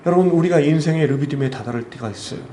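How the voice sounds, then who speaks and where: A man in his fifties preaches with passion, his fairly high voice rising in fervent appeals, then dropping to hushed storytelling. The sound comes from an echoey church sanctuary with a faint hiss underneath. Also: rapid-fire. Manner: impassioned, swings between loud appeals and hushed storytelling. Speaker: missionary preacher. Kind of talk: emotional sermon. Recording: echoey church hall with faint ambient noise.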